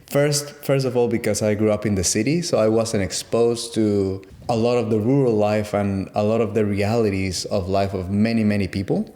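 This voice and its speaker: A man's voice: fairly low pitch, fairly even intonation, dark tone. Reflective young man from Guatemala. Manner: reflective, halting, with fillers and restarts. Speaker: interview guest. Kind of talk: casual interview.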